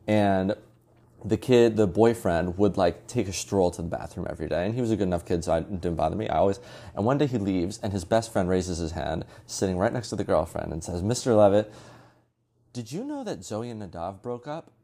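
Deep-voiced sarcastic young man. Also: fairly quick, creaky, dark tone. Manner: dry, sarcastic storyteller. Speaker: podcast guest. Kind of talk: casual chat.

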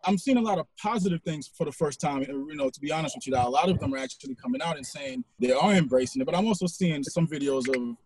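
Amid crowd noise on a rough recording, a man in his forties from Haiti hosts a podcast in a voice on the high side. His casual interview with a guest moves quickly and loosely, heavy with fillers.

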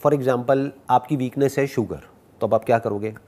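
A man giving a motivational talk and answering audience questions, animated and playfully teasing, mixing English phrases into Hindi. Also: mid-range voice, moderate pace.

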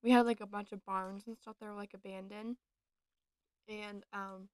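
A woman's voice: medium pitch, level tone, normal speed, no room sound. A young woman co-hosting a podcast, telling a story casually and filling it with "like" and "um". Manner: chatty, many fillers and likes. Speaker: podcast co-host.

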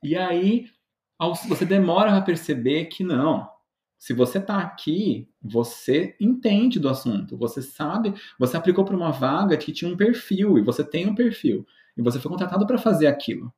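A man's voice: a little high, animated, moderate pace, darkish tone. A Brazilian man with a Brazilian Portuguese accent, a guest chatting casually on a podcast as a joking, self-mocking storyteller full of fillers. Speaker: podcast guest, medical educator. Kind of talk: casual interview chat. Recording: roomy echo.

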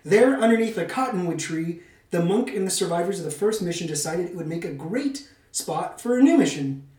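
Lively intonation marks this man's high, slightly mellow voice as he hosts a podcast at a fairly quick clip. He shifts between semi-scripted narration and playful, casual banter with theatrical phrasing; the recording is echoey and distant.

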